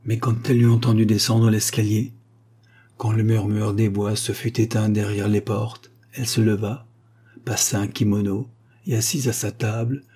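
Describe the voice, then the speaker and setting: A man reading a short story aloud in a steady, even storytelling manner. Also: on the low side, moderate pace, husky. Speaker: audiobook narrator.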